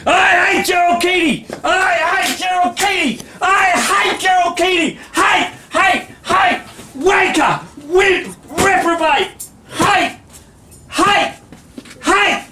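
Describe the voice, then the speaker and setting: A furious jeering mob, put on by a man, screams its chant in shrill high shouts. The voice rings well above normal speech. It sounds a little distant, with faint noise underneath. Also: slow pace, roomy sound, full character voice.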